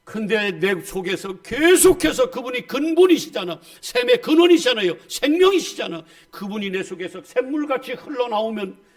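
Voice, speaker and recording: A middle-aged male pastor delivers a sermon. His voice sits high and moves all over the place, jumping from loud exclamations to quiet asides. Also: very animated, moderate pace. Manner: emphatic, swings between loud exclamations and soft asides.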